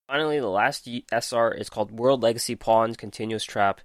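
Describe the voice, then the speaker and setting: A podcast host with a mid-range voice talks a little fast in clean, studio-quality audio with no echo. In a casual card game review, he methodically reads card text and assesses it, saying um often while losing his voice.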